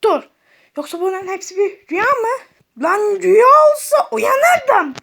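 A woman voicing a goofy, panicky male cartoon character who keeps shouting and exclaiming, then breaking into giggles. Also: very high voice, lively intonation, a little slow, creaky, full character voice. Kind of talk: cartoon voice acting.

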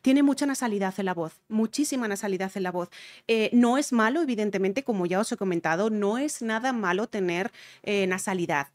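A woman's voice: medium pitch, a little fast. A woman with a Spain Spanish accent, a vocal coach reacting to a music video and explaining singing technique, repeating her key points.

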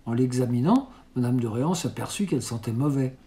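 Mellow male storybook reader. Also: mid-range voice, animated, brisk. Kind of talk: reading a children's classic aloud.

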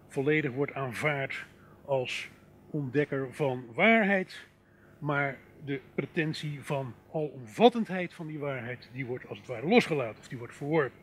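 A man's voice: on the high side, fairly bright tone, a little hiss or hum. Reflective man lecturing. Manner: reflective, many fillers and asides to the audience. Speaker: philosopher giving a public lecture. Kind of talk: thoughtful lecture. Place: lecture hall.

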